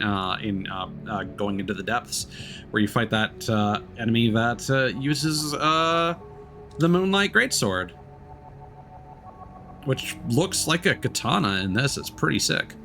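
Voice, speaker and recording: This male streamer offers casual video game commentary, thinking aloud in a reflective, wandering, hesitant manner. His medium-pitched voice is bright and forceful, with music playing in the background.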